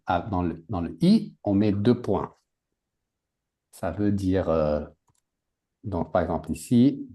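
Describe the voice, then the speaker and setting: A man's voice: sits low, mellow. A man teaching a language class, patiently repeating words and adding English glosses for his students. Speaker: French teacher.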